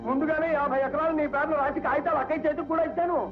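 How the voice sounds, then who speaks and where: An actor playing a pushy uncle, pleading and agitated about a marriage deal. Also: male voice, extremely high pitch, fairly even intonation, racing. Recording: tinny lo-fi film sound with music.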